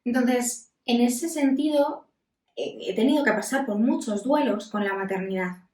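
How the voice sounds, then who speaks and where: A woman in her thirties talks as a psychologist, calm and candid, often pausing to find her words. Her voice rings in a roomy space, picked up from a little distance. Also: a little high. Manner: calm, candid, with many pauses. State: voice breaking with emotion. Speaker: psychologist and podcast host. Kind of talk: reflective self-help talk. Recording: roomy echo, mic at a distance.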